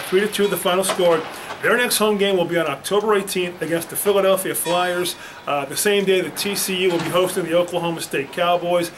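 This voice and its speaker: A man in his forties talks straight to camera from an arena press box, recapping a hockey game in a rambling way full of fillers. His voice sits fairly high for a man. The hum of the big empty building stays clearly audible under him. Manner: rambling, fillers, confident wrap-up. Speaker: sports reporter. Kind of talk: postgame report to camera.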